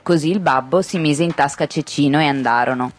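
A woman reading a folk fairy tale aloud, lively and expressive, voicing the characters. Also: low-pitched, fairly quick. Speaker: storyteller.

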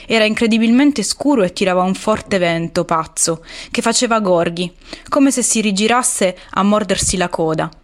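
A woman narrating a literary novel as an audiobook, in a measured, even way. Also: medium pitch.

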